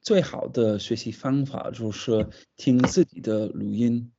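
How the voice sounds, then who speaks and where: A foreign man with English as his first language speaks accented Mandarin in an interview. His voice is low-key and mellow with a gravelly creak, and he feels his way through sentences, repeating words. The audio is slightly dull and lo-fi. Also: a little slow, slight background noise. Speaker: language student being interviewed. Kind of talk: casual interview in a second language.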